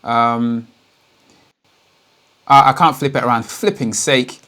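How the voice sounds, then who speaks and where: A man's voice: mid-range voice, slow, sharp tone. A man hosting a casual livestream, chatty and exasperated as he sorts out technical problems with a remote guest. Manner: chatty, exasperated by tech trouble. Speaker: livestream host.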